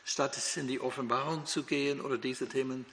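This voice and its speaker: A little fast and fairly bright, the medium-pitched, level voice of an older American man carries through long hall reverb. He is a native English speaker from the United States teaching the Bible in German, halting often with fillers and restarts.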